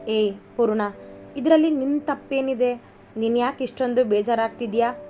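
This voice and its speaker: A tender young husband who teases and coaxes his wife in quick, eager bursts, as a woman reading the story puts him on. His voice stays fairly high and level, with little swing in pitch, and faint music plays behind him. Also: steady tone, warm tone, close to an everyday voice. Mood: consoling. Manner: coaxing, playful, quick.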